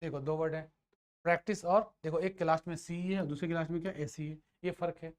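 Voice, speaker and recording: A man's voice: on the high side, steady tone, fast. A man teaching grammar, firing questions at students and answering them himself. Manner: asks and answers his own questions. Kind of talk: classroom lecture.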